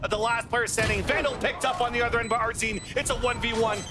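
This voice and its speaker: A man giving excited play-by-play esports commentary on a video game match, with game sounds around him. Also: very high voice, fast. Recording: loud music and game sounds behind. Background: loud music, game sound effects.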